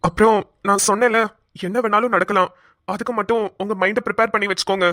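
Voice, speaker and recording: A woman's voice: mid-range voice, fairly even intonation, fast, a bit bright, no echo, clean studio sound, natural voice. A woman voicing a polite, reassuring male hospital doctor in a cartoon. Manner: polite, reassuring, mixes English words. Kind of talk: cartoon voice acting.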